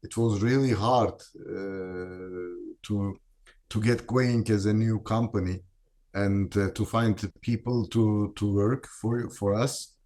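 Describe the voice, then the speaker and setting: A middle-aged man from Turkey, an immigrant entrepreneur, speaking haltingly in a documentary interview with many pauses. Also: on the low side, fairly even intonation, mellow. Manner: hesitant, many pauses and fillers.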